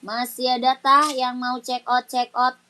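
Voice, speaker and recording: Bright high-voiced woman selling live. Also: completely flat delivery, measured pace. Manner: chatty, urging viewers to comment and check out. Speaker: live-stream shoe seller.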